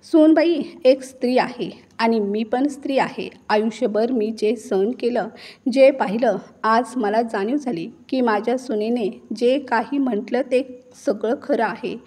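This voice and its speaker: A long-suffering mother-in-law finally standing her ground, as a woman reader puts her on, in a fairly high voice. She speaks slowly, weighing each word for dramatic emphasis, in a storybook reading. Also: dark tone, slightly rough. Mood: defiant. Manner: slow, emphatic dramatic delivery. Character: wronged middle-aged mother-in-law turning defiant.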